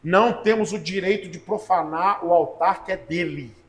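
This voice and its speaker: A man preaching a sermon, stressing slow phrases and then rushing on, speaking straight to his listeners. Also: sits high. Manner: emphatic, slow stressed phrases then rapid follow-ups; talks to the listeners directly, calling on people by name. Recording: echoey room.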